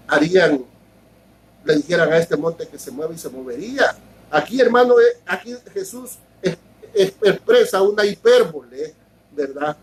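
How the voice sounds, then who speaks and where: A male pastor delivering a sermon in a high, husky voice. He explains patiently, stumbles and repeats words, and often turns to his listeners to ask if they follow him. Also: rough recording. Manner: explains slowly, repeats words and keeps asking ¿verdad?.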